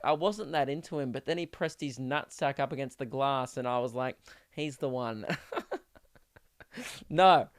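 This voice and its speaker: A man from Melbourne with an Australian accent, hosting his podcast and telling a comic story in an animated, slangy way. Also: a little high, clear, resonant tone, no room sound, clean studio sound. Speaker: podcast host, comedian.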